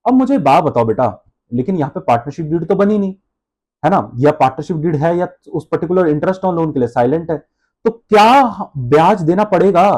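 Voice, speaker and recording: A man's voice: on the high side, lively intonation, brisk, darkish tone. A male accounts teacher giving a classroom-style lecture, calling the students "beta" and answering his own questions.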